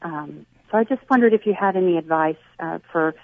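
A woman's voice: on the low side, fairly quick, no echo, narrow, tinny audio. A middle-aged woman calling in to a show with a question. She comes through on a patchy call line that breaks up, and she talks hesitantly and apologetically, with many ums. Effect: calling in over a patchy call line that breaks up. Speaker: caller.

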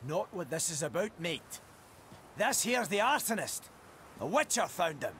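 A gruff, lively village blacksmith. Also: male voice, sits high, moderate pace, a little hiss or hum. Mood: blunt. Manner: blunt, plain-spoken, lively. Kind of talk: video game voice acting.

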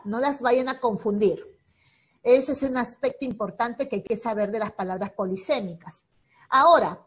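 A slightly high-voiced woman teaching a class over a video call. She explains patiently and goes over the main points slowly. She keeps checking that her students are following along. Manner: checks in constantly with "¿ya?". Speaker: secondary school teacher.

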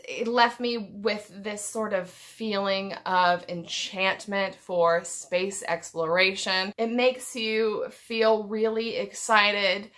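A woman's voice: medium pitch, steady tone, takes it slowly, few pauses, fairly bright tone. A woman in her thirties chatting unscripted on a home vlog, thoughtful and rambling, often restarting her sentences. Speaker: book vlogger. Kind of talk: unscripted book tag vlog. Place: home room with packed bookshelves.

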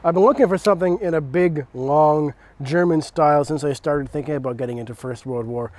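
Out in a leafy backyard, a man in his thirties hosts a casual hobby chat and cooking demonstration, explaining things conversationally. His voice is on the high side, a little mellow and fairly quick, with no echo.

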